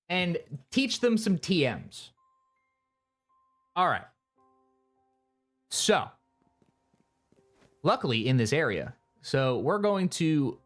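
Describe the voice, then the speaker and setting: Chatting with viewers, a live streamer delivers rambling gameplay commentary punctuated by excitable bursts. The voice sits in the mid range.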